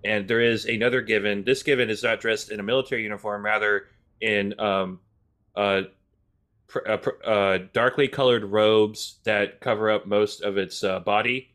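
A man narrating a tabletop role-playing game as game master, relaxed and full of fillers. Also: on the low side, moderate pace.

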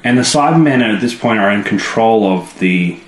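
This podcast co-host has lively intonation and a moderate pace as he casually reviews a TV episode. Playful throughout, he occasionally mimics characters in silly voices, his pitch jumping suddenly. The recording sounds echoey, with faint background noise.

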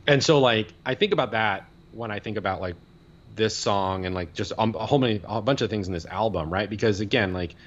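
A man's voice: on the low side, fairly quick, lo-fi sound, a little hiss or hum. A man co-hosting a podcast, a priest talking casually and rambling with many fillers and restarts.

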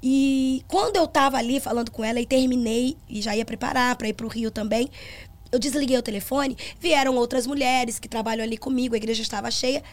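A woman's voice: a little high, a little fast. A woman pastor with a Brazilian accent, earnestly telling a personal testimony in conversation and acting out the dialogue she remembers. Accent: Brazilian Portuguese.

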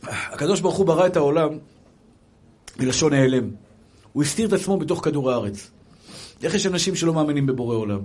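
A man's voice: on the high side, animated, long pauses, darkish tone, husky. A man giving a religious lecture, telling stories emphatically and calling his listeners brothers. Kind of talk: Hebrew sermon with anecdotes.

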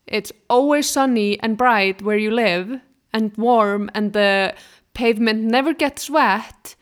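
A woman's voice: on the high side, takes it slowly. A woman from Iceland, chatting bluntly and opinionatedly. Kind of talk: casual chat.

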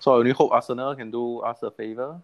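Singaporean man, medium-pitched football panelist. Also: fairly even intonation, fast, dull audio, crowd noise. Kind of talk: casual sports chat.

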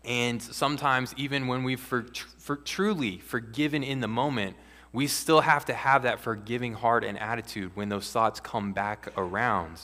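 A man preaching a sermon as pastor, earnest and measured, with occasional restarts. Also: mid-range voice, steady tone, sharp tone. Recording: long hall reverb.

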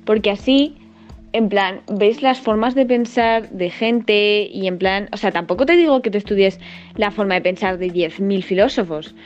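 A teenage girl, chatting casually as a student, excitable and slangy, swearing freely. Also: mid-range voice, normal speed, highs cut off, soft background music. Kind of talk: casual chat.

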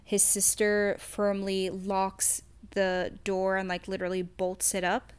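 A woman's voice: medium pitch, monotone, slow, smooth. A woman co-hosts a casual literary discussion in a mid-range voice. She speaks emphatically and candidly, like someone who swears freely, in an informal podcast style. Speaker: podcast co-host.

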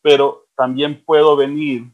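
A man's voice: on the high side, little pitch movement, a little slow, narrow, tinny audio. A middle-aged man, telling stories in a casual chat and repeating words for emphasis. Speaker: co-host.

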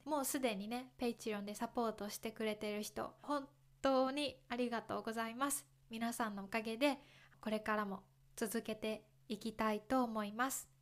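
A woman from Kyoto with a somewhat high voice hosts a podcast for Japanese learners. She speaks slowly and clearly, explaining gently with simple words and repeated examples. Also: steady tone. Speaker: podcast host teaching Japanese. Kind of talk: slow, clear talk for learners.

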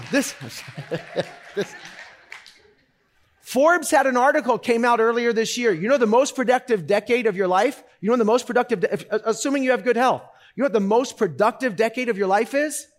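A man in his fifties preaching a sermon and telling a story. He talks in halting bursts with many restarts, going quiet and low for sad parts. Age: 50s. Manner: halting, repeats words, drops low and quiet for sad moments; loud and animated when joking. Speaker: pastor.

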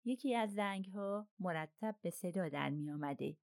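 A woman reading a crime novel aloud as an audiobook narrator in a steady storytelling manner. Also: mid-range voice, vocal fry, no room sound.

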